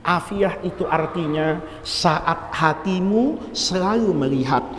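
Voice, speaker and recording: Lively high-voiced preacher man, echoey mosque hall. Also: slow pace, a little hiss or hum. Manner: animated storytelling, acting out quoted voices. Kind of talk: sermon.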